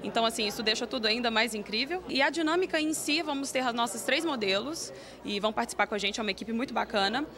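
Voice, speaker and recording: A woman's voice: fairly high pitch, quick pace, a bit bright. A woman in her twenties with a Brazilian accent, a presenter talking enthusiastically in a promotional interview. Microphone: handheld reporter microphone. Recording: busy crowd chatter behind.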